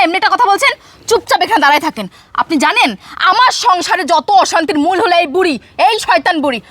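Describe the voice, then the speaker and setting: A woman playing a shrill, defiant young wife. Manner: taunting, insulting, rapid-fire shouting. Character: sharp-tongued young wife, defiant and hostile. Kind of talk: melodramatic family drama acting.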